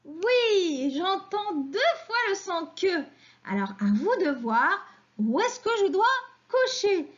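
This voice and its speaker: A woman's voice: extremely high pitch, very animated, slow, dull audio. A woman teacher giving a patient phonics lesson to young children, asking questions and praising answers.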